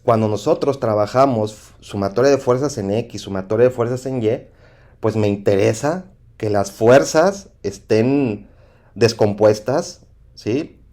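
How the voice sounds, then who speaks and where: A man with a Mexican accent teaching an engineering lesson over slides, often pausing with "¿sí?" to check understanding. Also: fairly low pitch, darkish tone. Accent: Mexican Spanish. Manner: repetitive, asks "¿sí?" to check understanding. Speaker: engineering instructor.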